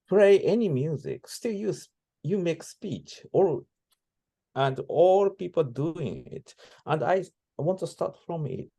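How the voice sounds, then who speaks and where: A man giving reflective interview answers as a composer, speaking halting non-native English with broken grammar. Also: on the high side, warm tone, breathy edge. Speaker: interviewee, composer and sound performer.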